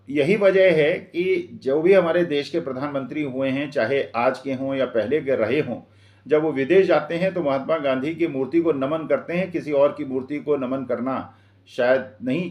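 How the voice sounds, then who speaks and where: A man from Uttar Pradesh with an eastern Uttar Pradesh Hindi accent, giving an earnest, measured opinion monologue. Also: medium pitch, reverberant, lo-fi sound. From Uttar Pradesh, India. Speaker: commentator.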